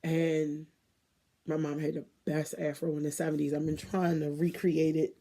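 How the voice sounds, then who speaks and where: A woman in her thirties giving a candid, emotional personal monologue to viewers, with emphatic pauses and blunt swearing. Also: low voice, flat delivery, dark tone. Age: 30s.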